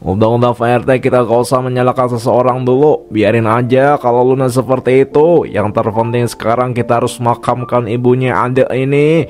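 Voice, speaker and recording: A steady, pious village cleric in a cartoon, voiced by a man, who calmly leads others. His voice sits at an ordinary middle pitch. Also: fairly quick, faint music behind, natural voice. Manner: calm, devout, takes charge. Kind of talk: cartoon voice acting.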